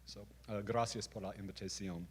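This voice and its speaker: A man in his sixties with an American accent and English as his native language, speaking haltingly as a guest at a conference. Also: fairly low pitch, fairly even intonation. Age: 60s. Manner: hesitant, halting delivery with many pauses. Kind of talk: conference speech. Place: conference stage in a hall, heard from afar. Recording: distant noisy hall with long reverb.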